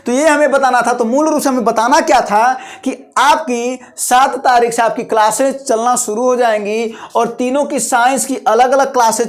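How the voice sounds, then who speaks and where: A male coaching teacher gives exam guidance to students. He talks in a colloquial, coaxing way and repeats his points to drive them home. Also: very high-pitched. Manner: repetitive, coaxing, colloquial exhortation.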